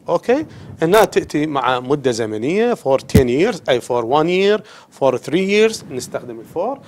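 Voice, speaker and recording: A man's voice: fairly high pitch, a little mellow. A man with an Iraqi Arabic accent teaching an English lesson on television, explaining in a mix of Arabic and English and often checking "okay?".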